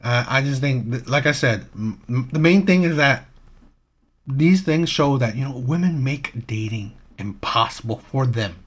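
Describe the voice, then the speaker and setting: Speaking at a medium pitch and normal pace, an animated host of a reaction channel gives his opinions, leaning on rhetorical questions and often checking in with "right?"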